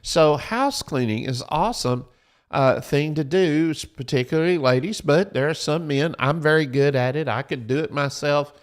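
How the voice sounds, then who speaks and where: Speaking at a normal speed in a fairly high, slightly raised voice, a man gives financial advice to his viewers like a preacher at a pulpit. His folksy, repetitive delivery keeps circling back to his points, and he repeatedly tells people to write things down.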